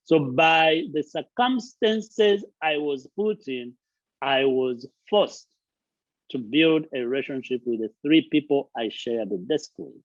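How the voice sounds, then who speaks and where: Medium-pitched and animated, this Ugandan man takes his time as he speaks. Hosting his channel from indoors at a friend's house, the charity founder gives a sincere motivational talk marked by listing and repeated words, recorded lo-fi with no room sound.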